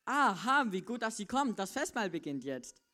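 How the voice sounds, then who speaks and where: A woman's voice: medium pitch, big pitch swings, normal speed, pushed and bright. A woman playing a polite, dutiful male servant who speaks to his master in a formal, courteous butler manner, in a church children's Bible play.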